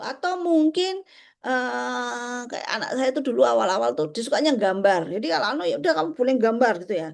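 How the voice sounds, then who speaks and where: A middle-aged woman with a somewhat high voice gives a parenting talk to mothers and fathers. She explains in a gentle, patient way and now and then acts out little dialogues between parent and child. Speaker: parenting speaker.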